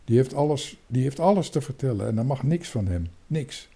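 A man's voice: medium pitch, expressive, brisk, mellow, breathy edge. A man voicing a timid, frightened young boy who stammers urgently in a children's storybook reading. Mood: anxious.

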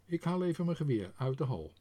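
A man putting on a loud, greedy, hot-tempered boss. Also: a little high, fairly quick, breathy edge. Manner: excitable, loud, blustering.

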